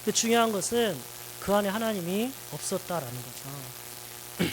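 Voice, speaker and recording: High-voiced man preaching a sermon. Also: expressive, normal speed, background noise. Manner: earnest, asks the congregation questions. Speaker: pastor.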